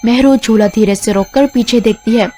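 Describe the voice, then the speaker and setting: A woman narrating a scripted horror story in a measured, suspenseful way. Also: fairly high pitch, dark tone. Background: music.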